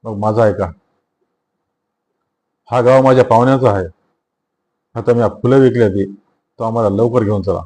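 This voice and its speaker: A man's voice: medium pitch, fairly even intonation, normal speed, pauses often, mellow, lightly acted. A proud male village headman in a spoken novel, caught and bound by the police, voiced by the man reading the book. He speaks with wounded pride and heat. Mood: pleading. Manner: indignant then pleading.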